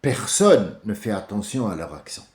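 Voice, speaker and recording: A man's voice: big pitch swings, moderate pace, roomy sound. Impassioned man with an Algerian accent. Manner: emphatic, rousing, swings between loud outbursts and low asides. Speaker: vlogger. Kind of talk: impassioned monologue to camera.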